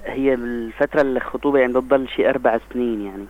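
Hesitant young caller, quick speech. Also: male voice, medium pitch, steady tone, narrow, tinny audio. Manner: hesitant, halting with fillers.

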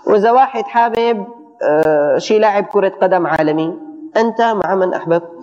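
A man teaches a religious lesson in quick, high, lively speech. He often trips over a word and repeats it before pressing on. The sound is dull and muffled, with a long hall echo. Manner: animated, stumbling restarts, repeats phrases for emphasis.

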